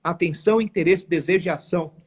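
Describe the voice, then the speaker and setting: This network marketing entrepreneur from São Paulo, Brazil, talks fast as a guest telling his story in a live interview. He has a paulistano accent and a high, husky voice. His manner is earnest and emphatic, with formal wording and frequent restarts.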